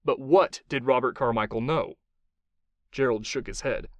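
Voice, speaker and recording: A man narrating a thriller audiobook in an expressive, dramatic storytelling style. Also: mid-range voice, normal speed, dry recording.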